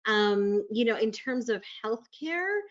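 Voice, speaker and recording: A woman's voice: on the high side, animated, slow. Woman doctor explaining on a muffled call. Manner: earnest, explanatory, many fillers. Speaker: physician panelist. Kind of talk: panel discussion. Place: New York.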